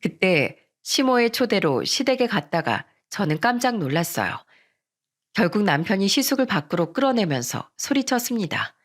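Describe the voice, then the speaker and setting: A woman's voice: mid-range voice, sing-song, moderate pace. Woman narrating a radio story.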